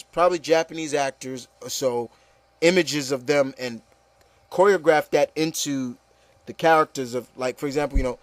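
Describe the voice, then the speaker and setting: An opinion show host leads a casual, opinionated discussion, speaking emphatically, repeating himself and saying "you know" a lot. His voice is a little high, with no echo.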